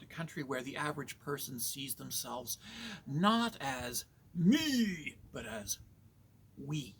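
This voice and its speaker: Man from Canada, measured and preachy, unhurried delivery, faint background ambience. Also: mid-range voice, pushed and bright, a little hiss or hum. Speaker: vlogger. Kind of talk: slow reflective monologue.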